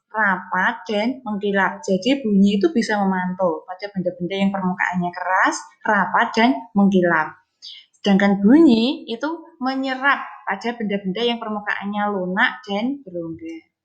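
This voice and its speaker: Brief: woman teacher, mid-pitched, patient, repeats points, quizzes kids. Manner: explains slowly, repeats key points, asks pupils questions. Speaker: elementary school teacher. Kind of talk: online science lesson for children.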